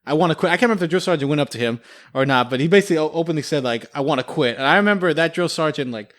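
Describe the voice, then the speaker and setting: A young military veteran appears as a podcast guest, telling casual stories about his military training. He speaks rapid-fire with lively intonation in a slightly high, slightly bright voice, rambling with lots of fillers and laughing often.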